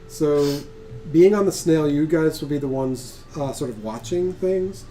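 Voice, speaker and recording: Mellow-voiced man running a tabletop game. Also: a little high, a little slow, faint music behind. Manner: chatty, laughs often, many restarts. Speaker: game master.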